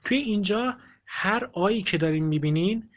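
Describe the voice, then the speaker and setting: A man teaching a language lesson, explaining patiently and repeating each example sentence with many pauses. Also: high-pitched, lively intonation. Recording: dull lo-fi recording.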